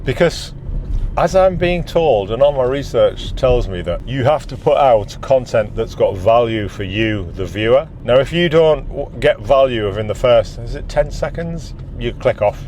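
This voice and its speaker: A man's voice: medium pitch, expressive, moderate pace, darkish tone, slight background noise. A middle-aged British man chatting casually and candidly to his phone in a car, rambling a little, his speech slightly off from a numbed mouth. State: mouth numb from dental anesthetic, talking slightly funny. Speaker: YouTube vlogger. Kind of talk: casual car chat to camera. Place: inside a car. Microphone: phone in windscreen holder.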